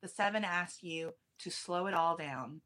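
A woman's voice: fairly low pitch, unhurried, a bit bright. A woman speaking as a numerology guest in a casual podcast interview, chatty, restarting her sentences and laughing easily.

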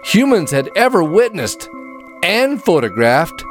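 A man's voice: sits high, very animated, measured pace, music in the background. A man reading a scripted narrative as a storyteller, with dramatic, folksy phrasing.

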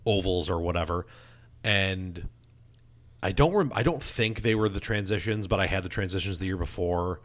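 Young male co-host with a lower voice, rambling and self-mocking in relaxed conversation. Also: normal speed. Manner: self-deprecating, laughing, many restarts. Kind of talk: casual storytelling chat.

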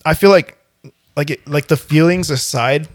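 A young man co-hosting a podcast in casual banter, animated, slangy and freely profane. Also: a little high, moderate pace, no room sound, studio quality. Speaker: podcast co-host.

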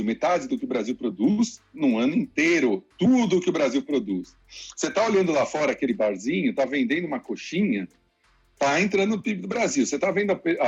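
A Brazilian man explaining the economy to listeners in a lively, conversational way, acting out what people say. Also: fairly high pitch, breathy edge. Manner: lively explainer, acts out quotes. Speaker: economic commentator. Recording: dull lo-fi sound with faint music.

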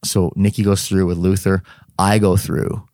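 A man's voice: deep voice, little pitch movement, normal speed, darkish tone, dry recording, studio quality. A middle-aged man telling a personal story in casual conversation. He acts out the dialogue and laughs mid-sentence.

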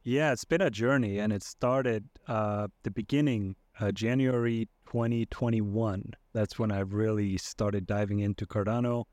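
A man from Iceland, a podcast guest, talking casually and thoughtfully with many pauses and restarts. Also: on the low side, fairly even intonation, a little mellow, no room sound. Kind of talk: casual conversation.

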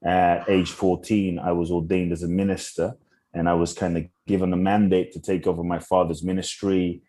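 A young adult man, a podcast guest from Ghana and London, telling his life story earnestly with slow, searching restarts. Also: sits low, flat delivery, dark tone. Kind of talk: reflective interview storytelling.

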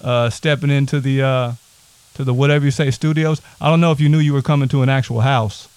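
A man hosting a podcast from a house, talking loose and hyped with plenty of shout-outs. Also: medium pitch, steady tone, fast talker, clear, resonant tone, no echo. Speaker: podcast host. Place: a house set up as a home studio.

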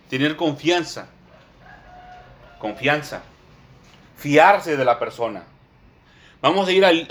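A man preaching a sermon, reading scripture slowly and with emphasis and often calling his listeners brothers. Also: medium pitch, a bit bright.

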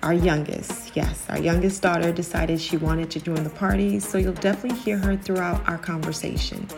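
Low-voiced woman with a gravelly edge. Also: fairly even intonation, a little fast, over music. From New Jersey, USA. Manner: upbeat, emphatic, laughs easily. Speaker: podcast host. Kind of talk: scripted intro then casual chat.

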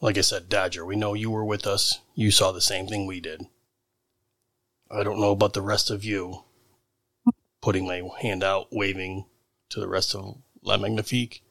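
Deep-ish male tabletop player, dry sound. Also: little pitch movement, moderate pace, gravelly, pauses often, bright, forceful tone, no room sound. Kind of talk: casual in-character game chat.

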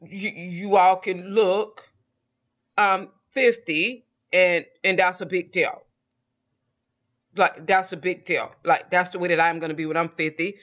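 A Southern American vlogger in his forties, from the Southern United States, talks casually to camera in a high, bright voice. His tone is steady and unhurried, but his monologue rambles and turns reflective, with frequent restarts.

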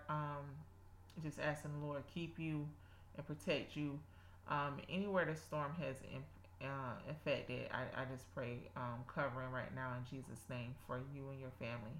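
A woman in her thirties speaks with a South Georgia accent in a low, bright voice. She sounds like a folksy podcast host talking about faith, recorded in an echoing room. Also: slight background noise. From south Georgia, United States. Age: 30s. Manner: folksy, addresses listeners as y'all. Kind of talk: casual devotional podcast with prayer.

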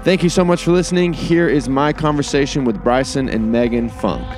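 A man hosting a podcast, upbeat and quick to affirm his guests. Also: mid-range voice, music in the background. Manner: upbeat, affirming with many "yeah"s. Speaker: podcast host. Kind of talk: casual podcast interview.

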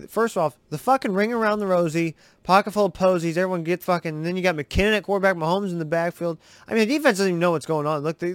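A man hosting a sports podcast, giving excitable, rambling, profane commentary over game footage. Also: sits high, dry recording.

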